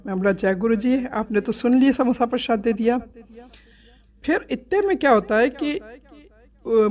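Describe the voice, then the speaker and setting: A middle-aged woman telling a devotional story from a satsang visit, animated and laughing, acting out many quoted exchanges. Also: a little high. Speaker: devotee sharing a satsang experience. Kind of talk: storytelling testimony.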